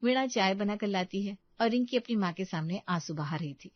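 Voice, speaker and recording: A woman narrating a cartoon story in a plain, steady delivery. Her mid-range voice comes across dry and slightly dull, as in a lo-fi studio take. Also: medium pitch, fairly quick, dry recording. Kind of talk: scripted narration.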